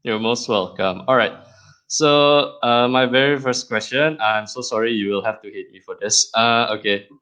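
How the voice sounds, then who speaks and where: A man hosting and interviewing a guest on his own podcast, chatty and quick to laugh. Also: medium pitch, sharp tone, low-quality recording. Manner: friendly, chatty, laughs easily. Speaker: podcast host and creator. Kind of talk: casual interview chat.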